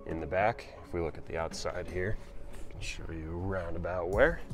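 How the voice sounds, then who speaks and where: Man, low voice, practical, casual walkthrough, inside a cargo van. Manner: plain, practical, talks while pointing things out. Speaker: van builder.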